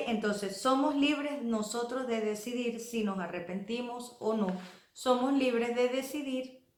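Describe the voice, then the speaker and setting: A woman's voice: fairly high pitch, echoey room. A woman preaching a sermon in a church, earnest and pleading, acting out the voices she quotes. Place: church hall.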